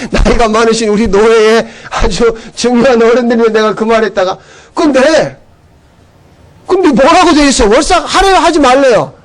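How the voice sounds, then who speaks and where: A man's voice: very high voice, normal speed, poor audio. A man pastor preaching a sermon, emphatic and full of rhetorical questions, telling stories to make his point.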